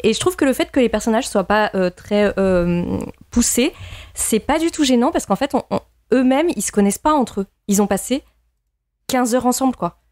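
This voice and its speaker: A woman's voice: on the high side, expressive, normal speed, a little mellow, no room sound, studio quality. A woman in a casual film discussion, analytical and opinionated, often repeating words as she works out her point.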